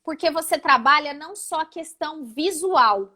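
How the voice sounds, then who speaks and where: High-pitched female oratory coach, didactic, shows intonations as she teaches, on a video call. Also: lively intonation, normal speed, bright, forceful tone. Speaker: oratory instructor, guest speaker. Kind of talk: live online talk, teaching.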